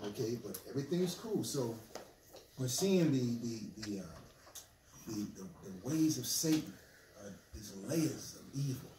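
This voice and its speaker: A man's voice: mid-range voice, expressive, a little slow, dark tone, a little hiss or hum. A man leading a casual group discussion, explaining at length and laughing often. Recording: echoey room, mic far off, crowd.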